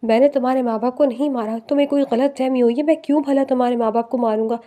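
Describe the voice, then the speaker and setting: A woman voicing an anguished young husband who pleads urgently, in a high voice. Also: steady tone, warm tone, natural voice. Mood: pleading.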